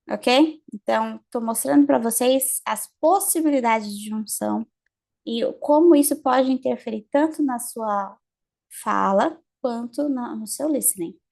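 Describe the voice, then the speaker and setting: A woman with a gravelly, somewhat high voice leads a pronunciation lesson. She speaks slowly and carefully, switching between Portuguese explanations and drilled English phrases. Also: darkish tone.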